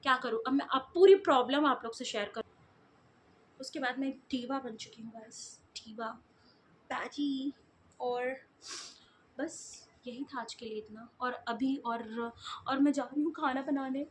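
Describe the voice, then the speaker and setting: A woman's voice: high voice, measured pace, slight background noise. A young woman vlogger chatting casually to her viewers, telling stories in a giggly, talkative way.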